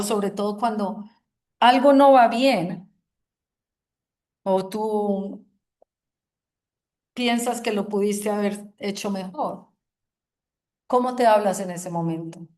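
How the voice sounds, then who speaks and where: A woman teaching a yoga group in a gentle, reflective way, often checking in with the listeners. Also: medium pitch. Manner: slow, soothing, asks "¿sí?" often. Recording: roomy echoing room.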